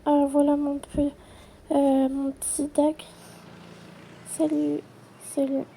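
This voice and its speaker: A woman acting out a playful toy role-play, switching quickly between many characters in chatty everyday dialogue. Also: sits high, completely flat delivery, gravelly, dark tone, slight background noise. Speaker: channel creator voicing every character.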